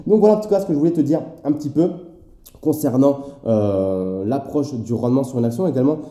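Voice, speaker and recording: A man's voice: mid-range voice, expressive, fairly quick, dark tone, echoey room. A man explaining investing in a casual, chatty way, speaking directly to the viewer with many fillers. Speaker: finance YouTuber.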